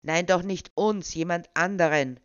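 A man's voice: on the high side, moderate pace, a bit bright, dry recording, dull audio, close to an everyday voice. A man voicing a hefty, brusque pig-farming councilman, impatient and dismissive.

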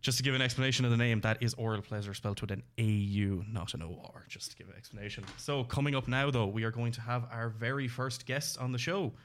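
A man's voice: mid-range voice, fast talker, few pauses. A man with a Limerick Irish accent hosting a casual student radio show, chatty and enthusiastic. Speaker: host.

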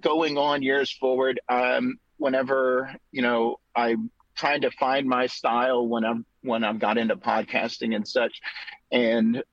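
Guy guest giving a casual tribute, kinda halting, dull dry call audio. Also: mid-range voice, little pitch movement, no echo. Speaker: guest, podcaster and DJ. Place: remote video call.

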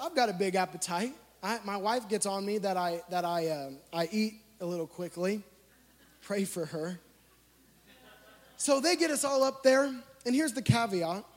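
A man with a notably high voice preaches through a playful, self-mocking personal story. His delivery is animated and lively. The sound carries a long reverb from a large church hall. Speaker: youth speaker. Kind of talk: storytelling sermon.

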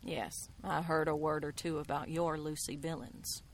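In a radio drama, an actress plays an enigmatic, worldly mystic who comes across as skeptical and knowing, her phrasing deliberate, eloquent and theatrical. The voice sits low with a flat delivery and a pointed, wry mood. Slight background noise is present.

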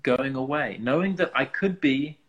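A man from England with an English accent and a gravelly, slightly husky voice, talking earnestly and reflectively as an interview guest, working out thoughts in broken phrases. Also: mid-range voice, normal speed, a bit bright, low-quality recording. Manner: earnest, searching, thinks aloud in broken phrases. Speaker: interview guest, musician and artist.

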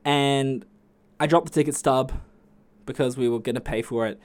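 A man with an Australian accent hosting a podcast alone, telling stories in a casual, chatty way and swearing freely. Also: normal speed. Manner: chatty, swears freely, jumps to high excited pitch. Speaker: podcast host. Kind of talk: casual solo podcast storytelling.

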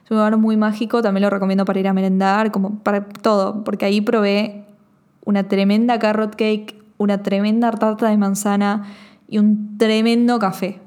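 A woman's voice: mid-range voice, little pitch movement, moderate pace, darkish tone, clear, resonant tone. Young Rioplatense woman gushing about travel. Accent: Rioplatense Spanish. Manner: chatty, gushing, repeats phrases. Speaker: travel vlogger. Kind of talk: casual travel recommendations.

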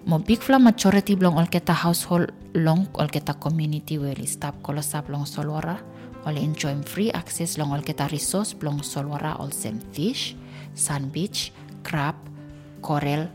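Very low-voiced Vanuatu woman narrating. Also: darkish tone. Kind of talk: scripted documentary narration. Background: faint music.

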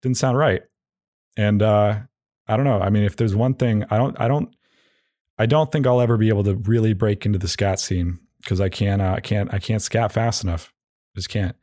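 In a close, dry recording with no room sound, a podcast host with a fairly low, dark, steady voice talks on his own casual show. He rambles, stumbles, and repeats himself, with humor that's self-deprecating and a touch goofy.

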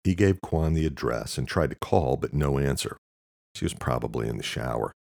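Very deep, gravelly male audiobook narrator. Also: animated, moderate pace, darkish tone, dry recording, clean studio sound.

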